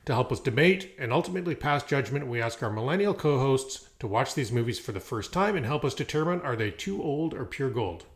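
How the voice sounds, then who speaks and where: A man's voice: medium pitch, animated, fairly quick, few pauses. Middle-aged man hosting a podcast. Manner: upbeat, announcer-like reading with occasional fillers. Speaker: podcast host. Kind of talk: scripted podcast introduction.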